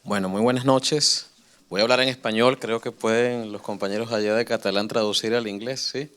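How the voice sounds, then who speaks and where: A man's voice: lowish voice, fairly even intonation, a little fast, a bit bright, clear, resonant tone. A man from Venezuela with a Venezuelan Spanish accent, speaking from the floor at a panel in a conference hall in earnest, oratorical, long flowing sentences. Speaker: audience member, peace activist. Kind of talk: public floor statement at a panel.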